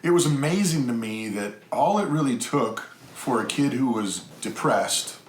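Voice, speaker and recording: This is a middle-aged man's expressive, mid-range voice at a normal pace. He co-hosts a family homestead vlog and speaks earnestly and at length to the camera, talkative and encouraging. The recording has room echo and a faint hum.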